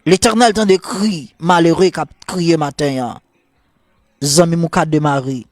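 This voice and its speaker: A man with a Haitian Creole accent, a priest leading a morning prayer sermon in a fervent, repetitive cadence, moving into softly murmured prayer. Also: fairly high pitch, measured pace, no room sound, studio quality.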